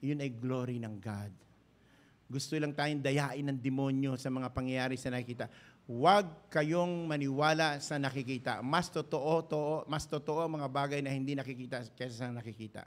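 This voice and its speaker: A man with a Filipino accent, a pastor preaching a sermon in a fervent style, slowing down to stress lines and breaking into sung prayer. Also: medium pitch. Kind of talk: Taglish sermon, livestreamed.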